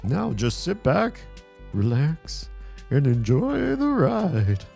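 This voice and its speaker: A man voicing a goofy, excitable clownish space ferryman in a video game, silly, theatrical and over-enthusiastic. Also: on the high side, slow pace, gravelly, faint music behind, heavily acted. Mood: proud, encouraging.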